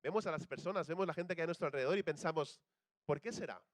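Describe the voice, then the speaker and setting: A young man from Spain, with a Spanish accent, gives a chatty sermon, quizzing the congregation and acting out the voices he quotes. His voice is a little high and fast, with no room sound.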